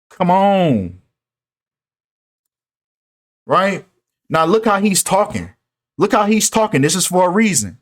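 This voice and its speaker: "Right?" and "come on, man" come up again and again as a man with a voice on the high side offers animated, insistent commentary in a casual video.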